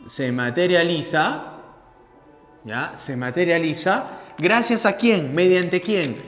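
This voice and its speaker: Echoey high-voiced teacher. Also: male voice, slow, fairly bright tone, faint music behind. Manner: repeats key phrases and checks in with "¿ya?" and "¿no?". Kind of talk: classroom lecture. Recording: echoey room with long reverb.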